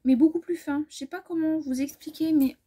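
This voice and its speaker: A woman sewing vlogger chatting casually through a fabric haul, rambling and correcting herself as she measures, often trailing off softly. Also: high-pitched, fairly even intonation, brisk. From France.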